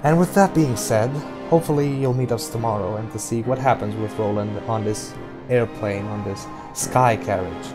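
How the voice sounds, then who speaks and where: A man's voice: on the low side, moderate pace, over music. Man steadily reading a novel aloud. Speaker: audiobook reader.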